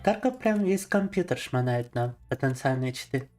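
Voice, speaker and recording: Male streamer, native Russian speaker, mid-pitched, casual and chatty, laughs a lot while talking through gameplay on a desk mic. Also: animated, normal speed, a little mellow, faint music behind. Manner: chatty, laughs often, explains to viewers as he plays. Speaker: livestreamer. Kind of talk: casual gaming livestream commentary.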